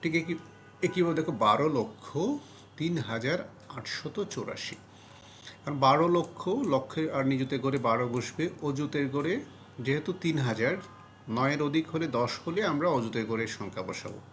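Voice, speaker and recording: A man talks through a math lesson for young pupils at a middle pitch, one step at a time. He repeats each number patiently and often pauses on "aah" to correct himself. A faint hum of ambient noise sits behind him. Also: animated, a bit bright. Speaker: math tutor. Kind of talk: step-by-step tutorial explanation.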